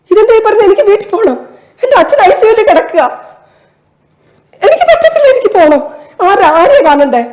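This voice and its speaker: A woman's voice: fairly high pitch, mellow, lightly acted. A woman performing a one-person stage monologue as a desperate stranded traveler at an airport, pleading in a tearful, breaking voice.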